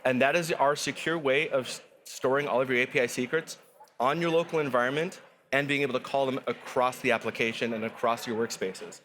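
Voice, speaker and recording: An upbeat man walks through a software product on a conference studio set, his pitch mid-range. He explains eagerly and restarts his phrases now and then. Faint noise sits in the background. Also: steady tone, fairly quick. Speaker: product guest.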